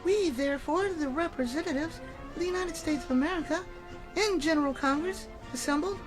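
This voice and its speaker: Woman, high pitch, theatrical recitation, clear music behind her. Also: a little fast. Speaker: horror host. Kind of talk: theatrical recitation of a historical document.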